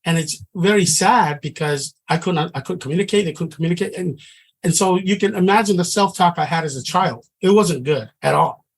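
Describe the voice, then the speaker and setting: A middle-aged Samoan man with a high, brisk voice teaches a trading class. He speaks earnestly and conversationally, frequently restarting his sentences.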